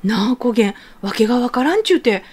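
A woman's voice: on the high side, very animated, quick pace, a little mellow, slightly rough. A woman co-hosting a radio show in Kagoshima dialect, giving short teasing replies and laughing along. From Kagoshima, Japan. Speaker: radio co-host. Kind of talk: casual radio chat.

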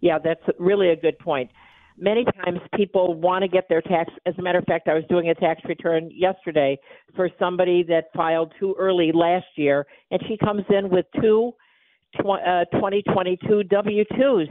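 A woman's voice: fairly low pitch, fairly even intonation, normal speed, no echo. A wide awake, alert woman explaining things as an expert guest in a live radio phone interview. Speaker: guest tax preparer, company chief executive. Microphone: telephone. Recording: narrow tinny phone line.

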